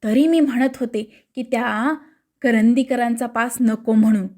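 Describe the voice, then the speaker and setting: A woman's voice: a little high, steady tone, measured pace, a little mellow, slight background noise, natural voice. A woman reading the part of a quarrelsome middle-aged housewife with a scolding tongue.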